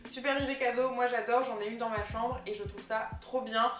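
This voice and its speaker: A young woman vlogger chats enthusiastically about gift ideas, using plenty of fillers in a casual vlog style. Her voice is a little high with fairly even intonation and a slightly fast pace. The room is echoey, with faint music playing.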